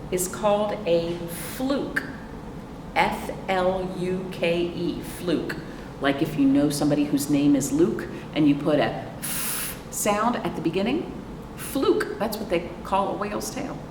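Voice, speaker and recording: Reading picture books aloud to little ones, an American librarian with a voice on the low side hosts an expressive storytime. She regularly questions her listeners and pauses for their answers. The mic is far away, leaving the sound roomy, echoing and noisy.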